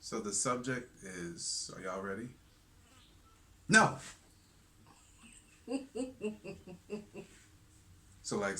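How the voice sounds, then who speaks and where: A man's voice: deep voice, fairly bright tone. A middle-aged man hosting a podcast with his wife, talking in a playful, joking way full of "uh"s. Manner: playful, jokey, rambling with fillers. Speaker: podcast host. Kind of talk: casual chat with spouse. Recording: faint background noise.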